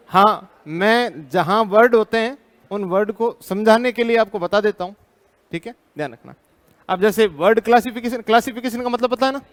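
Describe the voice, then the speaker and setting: An Indian man teaching a live class, drilling students with repeated questions, firm and teasing. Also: high-pitched.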